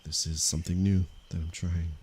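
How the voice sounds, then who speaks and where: A man from Canada, a meditation teacher, speaking softly and unhurriedly to viewers of his livestream. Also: low-pitched, flat delivery, slightly rough. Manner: slow, soft-spoken and unhurried, with pauses. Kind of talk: calm livestream talk to viewers.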